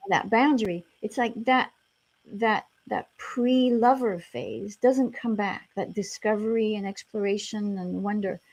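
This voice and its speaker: A woman's voice: medium pitch, unhurried, a little mellow. A middle-aged woman from France with an American accent, a therapist talking frankly and reassuringly in a casual interview, with many "you know" fillers. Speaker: sex therapist guest.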